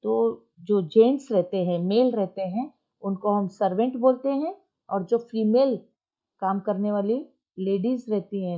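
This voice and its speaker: Woman teacher going over an english lesson in hindi, slow patient talk, kinda muffled audio. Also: mid-range voice. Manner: patient explaining, spells out words, checks with students.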